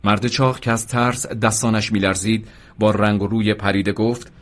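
A man reads a story aloud in a steady narrating voice. His voice sits slightly low. The delivery is even and unhurried.

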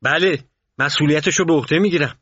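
Male narrator plays a passionate male commander, loud and commanding, on a dry, muffled storybook recording. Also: fairly high pitch, slightly rough, no echo, voice pushed up. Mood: firm. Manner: raised commanding voice. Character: stern male commander, passionate, shouting orders.

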